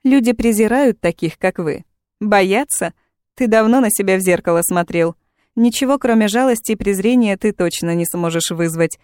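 A woman's voice: mid-range voice, moderate pace, darkish tone, no room sound, studio quality, lightly acted. Woman playing a sarcastic captive witch. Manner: sarcastic, cool, mocking.

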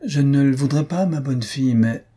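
A man reading an audiobook, voicing a meek, timid old grandmother who speaks softly and hesitantly. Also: medium pitch, normal speed, husky, voice pushed up, natural voice. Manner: soft and hesitant.

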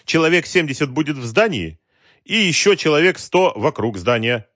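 A man's voice: on the high side, big pitch swings, moderate pace, a bit bright, no echo, studio quality, voice pushed up. Brief: male reader as an anxious defensive underling, strained and raised voice. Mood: guarded. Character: nervous scheming male henchman.

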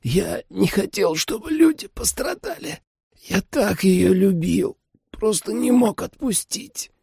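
A man's voice: high voice, animated, slow pace, gravelly, darkish tone, breathy edge, no room sound, clean studio sound, pitched above the performer's own voice, heavily acted. A man reading an audiobook voices a dying middle-aged father who speaks in faint, broken, tearful whispers, weak and fading. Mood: anguished.

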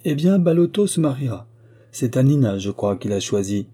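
A man reading the lines of a calm, kindly and authoritative old prince in an audiobook, speaking evenly and quietly commanding. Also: mid-range voice, normal speed, husky, voice pushed up. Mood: calm authority. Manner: even, quietly commanding delivery.

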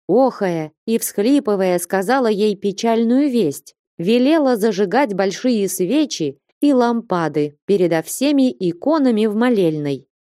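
Audiobook narrator, female, measured storytelling, dark soft tone, dead-dry booth. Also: mid-range voice, no echo. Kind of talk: scripted narration of classic prose.

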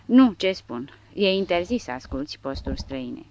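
A woman's voice: low voice, very animated, darkish tone. A woman voicing a timid, frightened professor. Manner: weak, whimpering.

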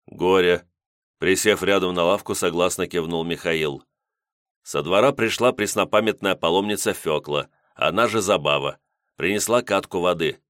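A man narrating an audiobook in a measured storytelling manner. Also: low-pitched, a bit bright, no room sound, clean studio sound.

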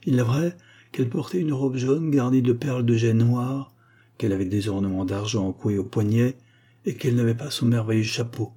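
A man reading an audiobook in a steady, even narration. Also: medium pitch, brisk, slightly rough.

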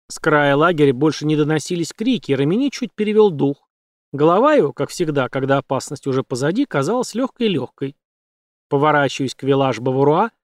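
A man reading an audiobook in steady, measured scripted narration. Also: on the high side, no echo, clean studio sound. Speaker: audiobook reader.

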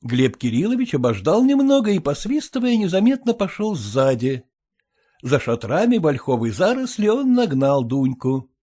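Man narrating a story in a low mellow voice. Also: sing-song, moderate pace. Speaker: audiobook reader. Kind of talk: scripted narration.

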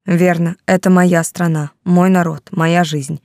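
Brooding possessive man, read by a woman, low insistent pleading, mellow dark tone, audiobook. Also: flat delivery, measured pace, no echo, studio quality. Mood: urgent.

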